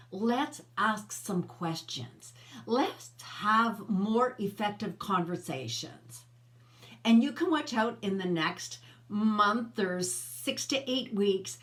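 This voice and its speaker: A woman's voice: mid-range voice, a bit bright. A middle-aged woman hosting her own personal growth channel, talking casually to camera in a conversational, coaching way and asking the viewer questions.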